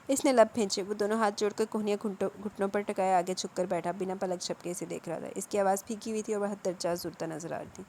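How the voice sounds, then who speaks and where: A woman reading a romance novel aloud as narrator, in steady scripted narration. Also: medium pitch, slight background noise.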